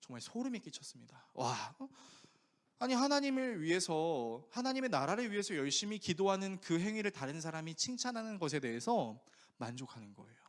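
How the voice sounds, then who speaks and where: A man's voice: high voice, very animated, fairly quick. A male pastor giving a sermon, telling a story and acting out the prayers and remarks of other people.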